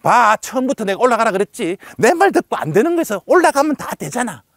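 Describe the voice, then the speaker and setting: A man's voice: extremely high pitch, sing-song, fast talker, fairly bright tone, no echo, clean studio sound, voice pushed up, full character voice. A man voicing a wife who first nags and then sweetly praises her husband, in an exaggerated, coaxing manner. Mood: demanding.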